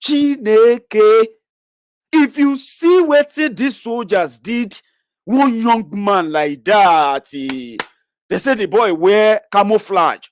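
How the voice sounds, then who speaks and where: A man with a Nigerian accent voicing an excitable Nigerian bystander spreading street gossip in shrill exclamations. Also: slow pace, dry recording. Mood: excited gossip.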